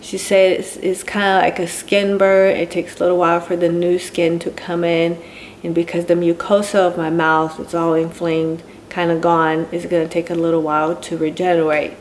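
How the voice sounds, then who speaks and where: A woman's voice: on the low side, completely flat delivery, normal speed, a little hiss or hum. A woman giving an earnest, confiding personal video update, her speech slurred and thick from a painfully swollen tongue, sounding sore and tired. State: in pain and tired, speaking with a sore mouth. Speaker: vlogger.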